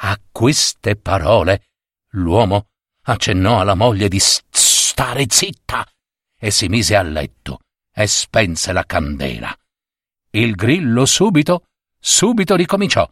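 A man telling a folk tale aloud in a slow, expressive storytelling voice. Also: on the low side, breathy edge, no room sound, clean studio sound.

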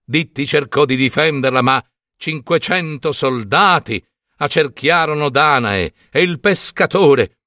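A man narrating a myth as a dramatic, expressive storybook reading. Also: a little high, unhurried, no echo, studio quality. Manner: expressive, animated delivery.

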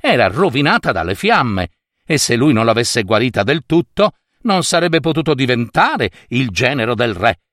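A man's voice: medium pitch, very animated, normal speed, fairly bright tone, no echo, studio quality. A man telling a fairy tale aloud, dramatic, repeating words for effect. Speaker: storyteller.

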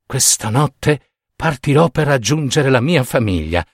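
A man's voice: mid-range voice, lively intonation, measured pace, no echo, clean studio sound. A man voicing a small, kind female swallow in a storybook, speaking earnestly and pleadingly. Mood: wistful.

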